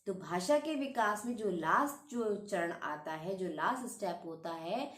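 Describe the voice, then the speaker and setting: A woman teacher giving an explanatory lecture, mixing English terms into her speech and listing phrases in a steady, repetitive cadence. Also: mid-range voice, measured pace, reverberant.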